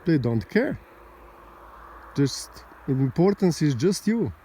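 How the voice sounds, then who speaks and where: Guy vlogging outside, slow talker, kinda indignant, rambly. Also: on the high side, very animated, dark tone, slight background noise. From Slovenia. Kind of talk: casual monologue to camera. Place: outdoors overlooking a mountain valley road.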